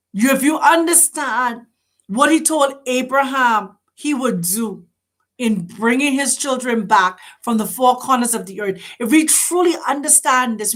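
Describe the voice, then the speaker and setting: A woman's voice: fairly high pitch, a bit bright. A woman hosting, giving an impassioned spiritual address full of rhetorical questions and urgent appeals to her listeners. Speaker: host.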